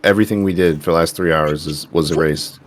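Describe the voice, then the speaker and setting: Deep voiced dude griping and cussing about a game, dry mic. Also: male voice, steady tone, fast talker, no room sound. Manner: frustrated, swearing complaints. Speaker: co-player on stream. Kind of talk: casual gaming chat.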